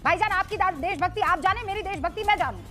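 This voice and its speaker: Very high-voiced woman anchor, fast and heated. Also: expressive, soft background music. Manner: shouting, interrogating. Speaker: news anchor. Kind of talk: heated TV debate.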